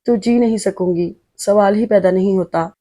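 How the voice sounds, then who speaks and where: A woman's voice: medium pitch, mellow, lightly acted. A woman reading the lines of a loving young wife in an earnest, emotional way.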